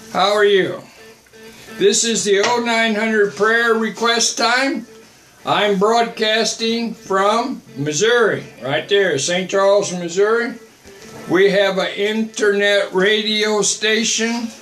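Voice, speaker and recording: Viewers' comments get blunt, repetitive replies from an older missionary preaching and chatting on a livestream from his small home office. A desk webcam captures his high-pitched, slightly bright voice with noticeable reverb.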